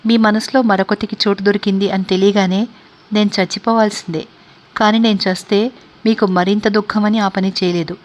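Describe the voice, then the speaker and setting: A woman voicing a grieving, dignified wife in a read-aloud story, speaking softly and pleadingly. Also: medium pitch, steady tone, moderate pace, close to an everyday voice.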